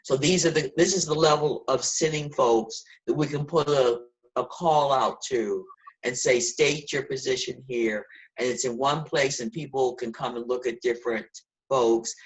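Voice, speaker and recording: A woman's voice: extremely low pitch, normal speed, low-quality recording. A woman in her sixties talking earnestly and preachily in a casual video call discussion, as host. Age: 60s.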